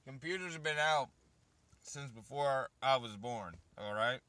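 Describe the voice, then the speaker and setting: Talking directly to his chat, a thirty-year-old man rambles profanely and casually about waiting around and bringing up kids. He speaks at a measured pace in a medium-pitched, bright, forceful voice, with no echo in the recording.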